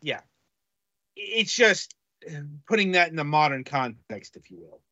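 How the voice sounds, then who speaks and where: A man co-hosting a casual game-review podcast, talking haltingly with many fillers. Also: on the high side, very animated, pushed and bright, no echo, highs cut off. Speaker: podcast co-host reviewing games.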